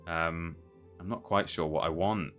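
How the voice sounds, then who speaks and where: A man's voice: deep voice, steady tone, a little slow, a bit bright, muffled recording, soft background music. A man giving casual game commentary on a live stream, rambling and thinking aloud.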